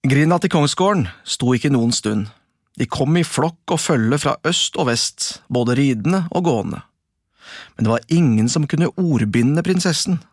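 Lively storyteller reading a folk tale. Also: medium pitch, dry recording, studio quality. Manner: lively, expressive telling.

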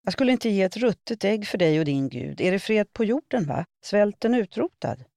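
A woman reading a humorous column, voicing a shrill, demanding older woman who swears at a priest in a shop. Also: very animated, husky, no room sound, studio quality. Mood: furious.

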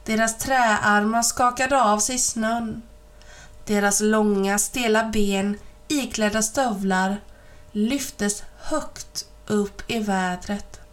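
Woman narrator, audiobook of a children's story, even and clear, mid-pitched. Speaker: reader.

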